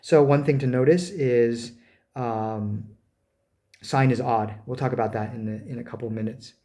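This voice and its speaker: A man giving a math lecture, talking as he draws, with many fillers, self-corrections and quick "right?" checks. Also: mid-range voice, warm tone. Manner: talks while drawing, frequent fillers and self-corrections; rhetorical "right?" checks with students. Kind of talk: recorded lecture at a board.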